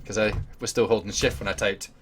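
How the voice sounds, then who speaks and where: A man hosting a casual podcast chat, jokey and quick to laugh. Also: fairly low pitch, sing-song, fairly bright tone, a little hiss or hum. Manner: giggly, jokey, laughs often. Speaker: podcast host.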